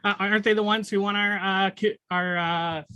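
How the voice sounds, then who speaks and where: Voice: mid-range voice, fairly even intonation, brisk, sharp tone, clean tone, dry recording, rough recording. A co-host of a casual community livestream, upbeat and enthusiastic.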